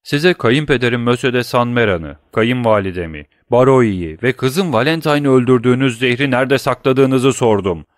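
A stern middle-aged prosecutor played by a male audiobook reader presses his accusations with a forceful, cutting voice. The reading sounds dry and close, with no room around it. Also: mid-range voice, animated, normal speed, hardly any pauses, dry recording, close to an everyday voice. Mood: cold accusing.

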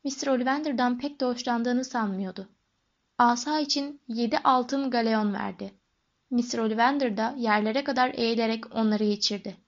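A woman reading an audiobook as narrator, with even, measured storytelling. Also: a little high, muffled recording.

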